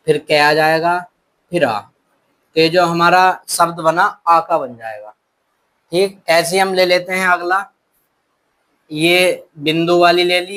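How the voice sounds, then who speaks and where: A man teaching shorthand in a slow, patient, step-by-step classroom manner, talking kindly to his students. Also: on the high side, bright, forceful tone, low-quality recording. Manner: slow, patient explaining, addresses students as "beta".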